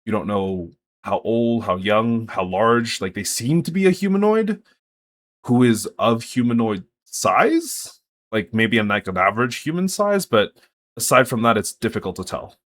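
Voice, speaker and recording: A man's voice: mid-range voice, expressive, normal speed, a bit bright. A man narrating a tabletop game as game master in a casual way, full of fillers. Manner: casual, filler-heavy descriptions.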